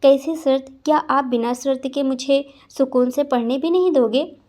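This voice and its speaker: A woman's voice: sits high, normal speed, warm tone, close to an everyday voice. A woman voicing an angry, tearful young female student who argues and pleads. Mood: defiant. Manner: defiant, pleading.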